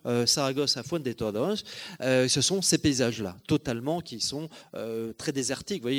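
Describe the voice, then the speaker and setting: A man giving a slide lecture on art history, talking in a digressive way with frequent hesitations and self-corrections, often turning to the audience to check they follow. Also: mid-range voice. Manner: addresses audience directly, checking understanding.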